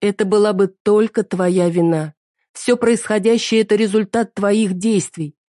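A woman's voice: mid-range voice, fairly even intonation, moderate pace, no echo, clean studio sound, voice pushed up, lightly acted. A woman voicing a wife who sharply scolds her unfaithful husband. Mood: reproachful. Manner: sharp, reproachful. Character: stern wife, angry and hurt at her husband.

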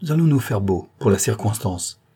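A man's voice: fairly low pitch, expressive, moderate pace, mellow, slightly rough, exaggerated voice. A man voicing a playful young wife in an audiobook, with teasing commands.

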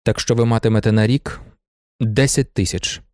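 A man voicing a reserved middle-aged merchant who speaks in a measured, curt, reassuring way in a storybook reading. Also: lowish voice, steady tone, darkish tone, no room sound, studio quality, close to an everyday voice. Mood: calm. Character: calm, reserved male merchant of middle age.

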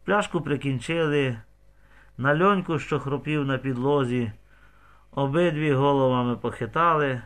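A man's voice: mid-range voice, moderate pace, a bit bright. A man narrating a novel as an audiobook, telling the story expressively with vivid shifts in tone.

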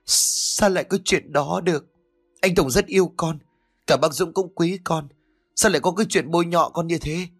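A man's voice: medium pitch, lively intonation, moderate pace, breathy edge, faint music behind. A man voicing a pregnant young village woman who pleads in a raised, strained voice. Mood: disbelieving.

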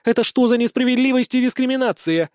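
Casting: a man doing a high, sharp-tongued rebellious young noble daughter, audiobook, dry booth sound. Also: fast talker, clear, resonant tone, no echo. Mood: indignant. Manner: sharp, sarcastic outbursts. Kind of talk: audiobook character voice.

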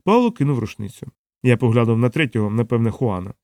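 A man reading a first-person novel aloud in a measured, steady voice. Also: medium pitch, dry recording, studio quality. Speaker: audiobook narrator. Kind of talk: first-person audiobook narration.

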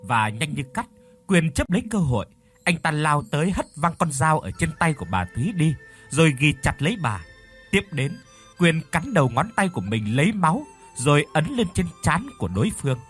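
A man's voice: on the high side, very animated, moderate pace, a bit bright, slightly rough, soft background music. A man narrating a horror audiobook expressively, voicing the characters as he reads. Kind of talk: dramatic horror story narration.

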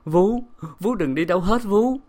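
A fragile young wife, pitched high above the reader's usual voice, as a male narrator puts her on. She calls out in a faltering, anguished way. Storybook audiobook reading. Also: measured pace, dark tone, lightly acted.

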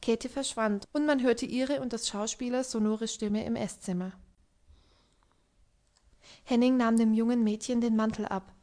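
A woman reading a novel aloud in a calm, even tone. Her voice sits fairly high and the narration flows steadily. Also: unhurried, pauses often. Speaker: audiobook reader. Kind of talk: literary narration.

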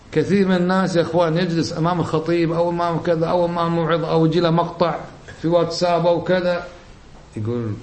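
A middle-aged man teaches a religious lesson at a brisk clip. His voice sits at an ordinary pitch. He exhorts his listeners and keeps firing rhetorical questions at them. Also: darkish tone, a little hiss or hum. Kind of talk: religious lesson in colloquial speech.

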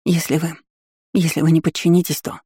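A frightened young maid, devoted and tearful, voiced by a woman reading an audiobook. She pleads in a soft, mellow tone. The sound is dry and close. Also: low-pitched, little pitch movement, a little fast, husky, dry recording. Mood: pleading, tearful. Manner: sobbing, pleading, anxious.

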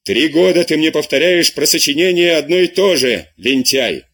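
A man voicing an angry older abbé who scolds his lazy pupil in loud, indignant tirades, with a husky voice. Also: fairly high pitch, animated, moderate pace. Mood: furious. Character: furious older male abbé tutor, scolding.

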